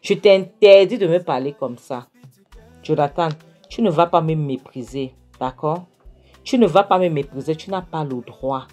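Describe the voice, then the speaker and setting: A woman voicing a defiant wife in a retold film, scolding her husband and demanding he understands, in a low dark voice. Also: normal speed, soft background music. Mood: cold. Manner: scolding, repeats "est-ce que tu as compris?".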